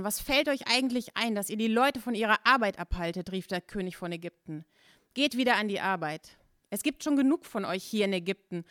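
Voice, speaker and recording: Higher-voiced woman reading scripture aloud, dry sound. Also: no echo. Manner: measured reading in short phrases. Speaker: scripture reader.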